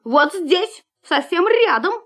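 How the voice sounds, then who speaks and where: A woman's voice: extremely high pitch, big pitch swings, slow pace, a bit bright, heavily acted. A woman doing a curious little puppy. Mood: eager. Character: small curious puppy boy, eager and easily scared. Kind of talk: children's story reading.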